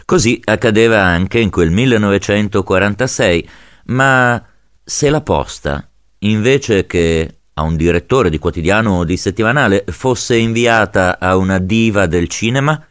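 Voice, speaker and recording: A man with a fairly low voice presents on radio. He narrates in a measured, conversational storytelling way, recorded dry with no room sound. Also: smooth, no echo.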